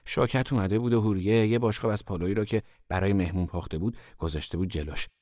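A man narrating a first-person story in a relaxed, conversational storytelling manner. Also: fairly low pitch, no room sound, studio quality.

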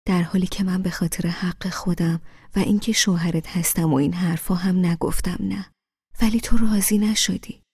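A woman reading an audiobook, voicing a young husband who reasons with his wife in a soft, hushed voice. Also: fairly low pitch, fairly even intonation, breathy edge, dry recording, studio quality. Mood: reproachful. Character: patient young husband, calm and reproachful.

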